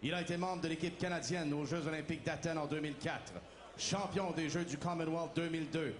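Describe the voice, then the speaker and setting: A man working as a boxing ring announcer, formally presenting in French and English with ceremonial, drawn-out delivery. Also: on the high side, steady tone. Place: boxing arena. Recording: echoey arena PA with noise.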